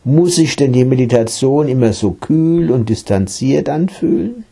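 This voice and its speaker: A man's voice: mid-range voice, lively intonation, a little slow, gravelly, warm tone, breathy edge, heavily acted. A man voicing an earnest young male seeker who eagerly asks his teacher about meditation, in a read-aloud story. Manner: eager, questioning.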